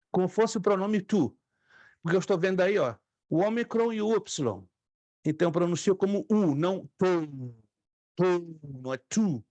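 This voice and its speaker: Pastor teaching Greek, patient and repetitive. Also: male voice, high voice, darkish tone, no room sound. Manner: patient, repeats and drills pronunciation. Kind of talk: online Greek lesson.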